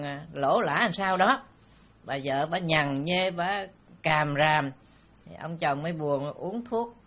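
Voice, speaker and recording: A man, a Buddhist monk with a Southern Vietnamese accent, tells a story in a dharma talk in a relaxed, anecdotal way with frequent filler sounds. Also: on the high side.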